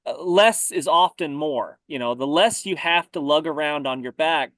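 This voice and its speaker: A man talking casually about survival gear, relaxed and often repeating words as he thinks. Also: fairly high pitch, normal speed, no echo. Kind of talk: casual conversation.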